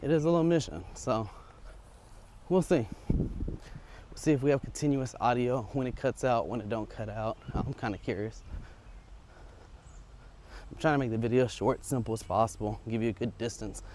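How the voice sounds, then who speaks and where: A man with a mid-pitched voice talks in a loose, rambling vlog style, as if thinking aloud. He is outdoors on a residential street, wearing a lavalier mic, with faint ambient noise behind him. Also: moderate pace, long pauses, darkish tone. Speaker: vlogger testing audio gear. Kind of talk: casual unscripted vlog chat. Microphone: wireless lavalier clipped to shirt.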